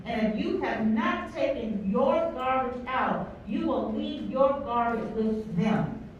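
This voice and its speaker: Woman counselor running a teacher workshop, emphatic and questioning, high voice, heard from afar in a big room. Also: dull audio, slight background noise. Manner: emphatic, asks the room questions and repeats key words. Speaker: counselor leading a teacher training. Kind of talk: workshop talk to a live audience. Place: large echoey room with an audience. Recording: echoey hall from far off.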